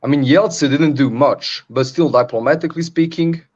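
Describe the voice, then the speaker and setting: A man's voice: a little high, normal speed, darkish tone. A man of Serbian origin talking casually about politics in an open mic discussion, rambling with many fillers and restarts. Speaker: open mic call-in participant. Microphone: webcam video call. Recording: dull lo-fi call audio.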